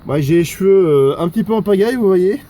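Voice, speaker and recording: This man's high, mellow voice has lively intonation and a fairly quick pace as he chats casually outdoors during a storm. An amateur radio operator and civil security volunteer, he sounds hesitant and conversational and often repeats himself. Wind noise runs faintly through the recording.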